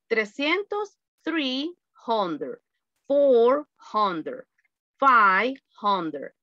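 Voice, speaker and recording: A woman teaches an English lesson over a video call, taking her time and drilling each number with patience. Her voice sits a little high. The sound is dull and lo-fi, and the room is dry. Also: sharp tone, no room sound. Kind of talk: online class lesson.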